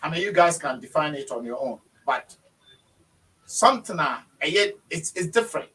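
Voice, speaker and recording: A man's voice: fairly high pitch, animated, moderate pace, bright, forceful tone, recorded from a distance, low-quality recording. A man hosting a conversational interview, speaking emphatically and repeating his phrases. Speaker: talk show host.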